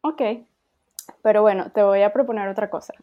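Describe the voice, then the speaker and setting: A Venezuelan woman in her thirties, speaking with a Venezuelan Spanish accent, chats casually as a podcast guest over a video call from her home in France. She's warm, talks a little fast at medium pitch, uses lots of fillers, and laughs lightly between thoughts. The recording is dry and muffled.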